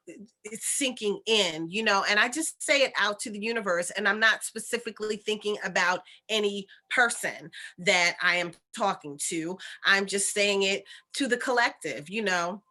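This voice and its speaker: A woman's voice: medium pitch, pushed and bright. A woman speaking casually and earnestly to viewers as a spiritual coach, rambling conversationally and often checking in with them. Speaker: spiritual coach and host of oracle readings.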